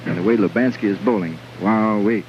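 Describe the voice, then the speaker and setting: A man calling live bowling play-by-play, excitedly repeating phrases as the action peaks, on an old television broadcast. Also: lowish voice, brisk. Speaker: bowling commentator. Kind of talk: live sports play-by-play commentary. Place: bowling alley. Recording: noisy dull vintage 1950s TV broadcast.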